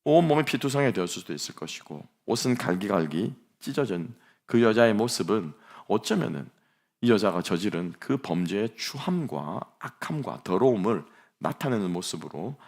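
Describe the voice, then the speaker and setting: A middle-aged male pastor preaches a sermon, retelling a vivid scene and turning to the congregation with rhetorical questions. His voice sits low with a gravelly edge. His pitch rises and falls in a lively way.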